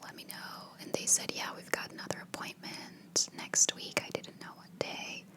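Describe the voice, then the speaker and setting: A woman whispering in a hushed voice, chatting casually in a rambling ASMR style. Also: normal speed. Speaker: ASMR video creator.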